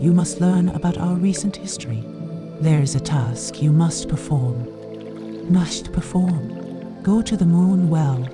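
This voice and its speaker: A man playing a wise, kindly night elf druid mentor with formal, measured speech in a fantasy game. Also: fairly high pitch, natural voice. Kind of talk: scripted fantasy game dialogue. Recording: music behind the voice.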